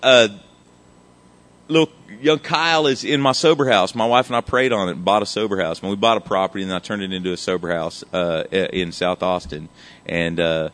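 A man's voice: low voice, fairly even intonation, a little fast, fairly bright tone. A man, sharing his recovery story in a candid, emotional, rambling way, often saying "man" and swearing casually. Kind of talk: candid personal testimony.

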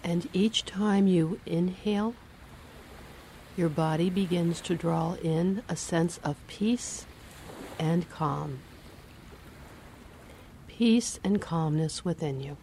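A woman reading a guided relaxation and hypnosis script in a slow, soothing, measured way. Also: fairly low pitch, dark tone, slight background noise.

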